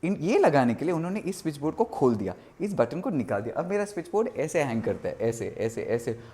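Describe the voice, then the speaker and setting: A young man talking casually in a vlog, animated, mixing Hindi and English and acting out quotes. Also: fairly high pitch, fast. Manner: animated, mixes Hindi and English, exaggerated quoting. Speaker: vlogger.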